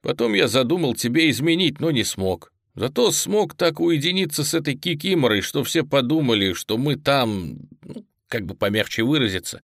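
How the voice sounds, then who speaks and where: A man voicing a blunt, gruff young man who talks in a curt, hushed way, in an audiobook. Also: medium pitch, animated, moderate pace, dry recording, studio quality, voice pushed up. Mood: bitter.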